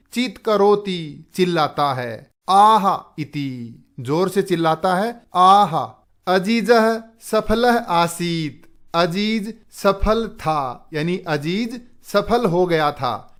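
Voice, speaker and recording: A man teaching a Sanskrit lesson, reading the text word by word and explaining each one. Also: high-pitched. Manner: reads each word then glosses it slowly. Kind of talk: line-by-line textbook explanation.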